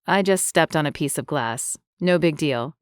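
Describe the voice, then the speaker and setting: A woman's voice: low-pitched, expressive, moderate pace, clear, resonant tone, dry recording, studio quality. A woman narrator voicing a charming, playful young man who jokes through an injury, in a light teasing manner. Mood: easygoing.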